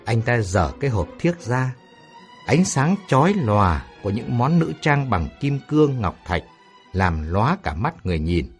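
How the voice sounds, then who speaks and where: A man narrates an audio story. His pitch sits in the middle but swings widely, with dramatic rises and falls. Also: big pitch swings, normal speed, faint music behind.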